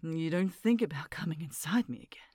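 A woman's voice: low voice, expressive, brisk, warm tone, breathy edge, no room sound. A woman performing an intimate roleplay, speaking in a dominant, teasing whisper close to the microphone. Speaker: erotic audio roleplay performer.

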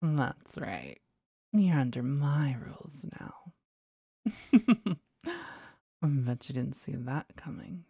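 A woman whispers close and breathy, her low voice husky with gravelly fry. She takes her time over every word in a teasing, commanding way. The sound is intimate and dry. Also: slow pace, warm tone, dry recording. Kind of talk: whispered intimate ASMR roleplay.

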